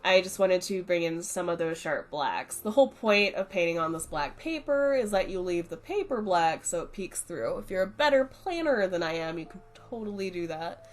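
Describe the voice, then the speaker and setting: This art channel host, a young woman with a cold-congested voice, gives a casual voice-over review of her supplies over faint background music. Her lowish voice moves at normal speed with few pauses, relaxed and chatty as she explains.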